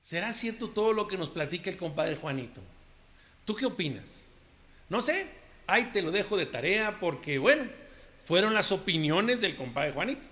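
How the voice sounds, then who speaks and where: A man's voice: sits high, lively intonation, normal speed, sharp tone. A Mexican man hosting a comedy video, signing off in a folksy, friendly way. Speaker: comedian host. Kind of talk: casual sign-off.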